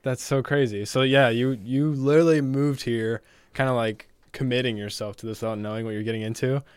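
A man's voice: mid-range voice, fairly even intonation, brisk, clean tone, no room sound. A young man interviewing in a casual, agreeable chat with informal, youthful wording.

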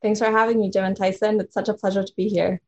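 A woman's voice: medium pitch, little pitch movement, fast, a little mellow, dull audio. A woman in her thirties, originally from Honduras, talking casually as a podcast guest and laughing often. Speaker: guest lawyer.

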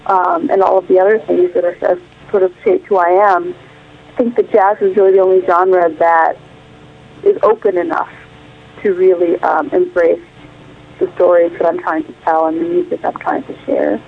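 A woman from Illinois in the United States, a guest singer, is interviewed over a tinny phone line. Her voice sits on the low side, creaky and husky, with lively intonation at a normal speed. She talks thoughtfully, hunting for words and using frequent fillers.

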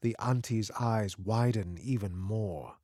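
A man's voice: lowish voice, takes it slowly, dark tone, dry recording, studio quality. A man narrating a literary story from a script.

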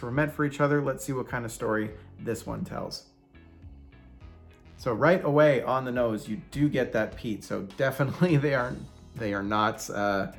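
A man's voice: mid-range voice, vocal fry. A man hosting a casual whisky tasting vlog, chatting loosely with fillers and restarts. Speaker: whisky reviewer host.

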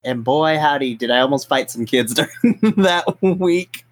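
A man's voice: mid-range voice, moderate pace. A man co-hosting a casual podcast, a teacher telling stories with frequent laughs. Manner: laughing, animated storytelling. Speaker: podcast co-host, private school teacher. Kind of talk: casual chat.

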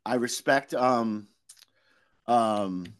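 A man's voice: medium pitch, drawn-out words, clear, resonant tone. A man in casual chat, teasing and full of restarts.

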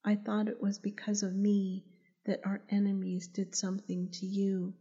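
A woman's voice: medium pitch, monotone, moderate pace, mellow, highs cut off, natural voice. A woman voicing a frightened young mother held captive in a storybook, her words shaky and fearful.

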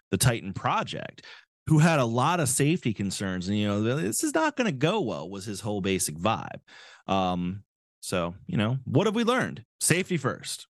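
A man's voice: fairly low pitch, no room sound, studio quality. A man hosting a podcast, delivering casual comedic commentary as a profane, sarcastic rant. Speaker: podcast host.

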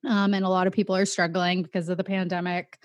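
A woman's voice: fairly low pitch, little pitch movement, quick pace, no echo, dull audio. A woman co-hosting a podcast on a radio station, chatting in a lighthearted, casual way. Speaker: podcast co-host. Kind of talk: casual chat. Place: radio studio.

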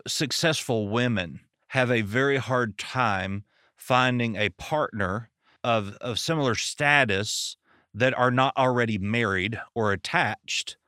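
A man's voice: mid-range voice, slow pace, bright, forceful tone, smooth, dry recording, studio quality. A man with a Southern American accent from Arkansas, hosting a podcast and chatting in a folksy, storytelling way. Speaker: podcast host and pastor. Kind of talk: casual podcast interview.

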